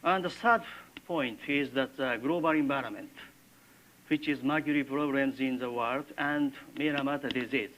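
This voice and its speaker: An older man with a Japanese accent gives a university lecture in halting English, with many filler pauses. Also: medium pitch, fairly bright tone, low-quality recording. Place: lecture classroom.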